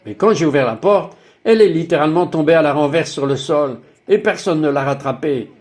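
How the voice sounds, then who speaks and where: A man's voice: on the high side, a little fast, darkish tone. A man narrating a dubbed personal testimony in an emphatic, exclaiming way, full of wonder.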